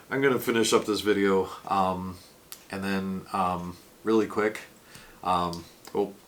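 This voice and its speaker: A man hosting his vlog, talking casually and emotionally in a halting, rambling way with many fillers. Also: deep voice, a bit bright, a little hiss or hum. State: emotional, choked up. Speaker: vlog host. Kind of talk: casual tribute vlog talk.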